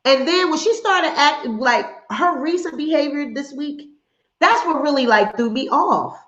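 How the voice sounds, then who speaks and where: A high-voiced woman from hosts a casual gossip livestream, sassy and animated. The sound is dull and lo-fi, and it echoes around the room. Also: normal speed. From Philadelphia, USA. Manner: sassy, animated, laughing asides.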